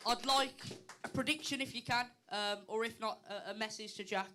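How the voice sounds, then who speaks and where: At a live boxing press conference, a host with a medium-pitched voice puts interview questions to the fighters, speaking at normal speed with a pushed, bright tone. Clear background noise from the event comes through behind him.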